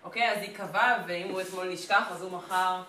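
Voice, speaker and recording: A woman teacher talks her class through grammar points with patient, step-by-step explanations, her voice sitting a little low. She is picked up from across the room, so the classroom echo rings around her, with a faint hum of ambience underneath. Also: fairly even intonation, bright, forceful tone. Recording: echoey classroom from far off.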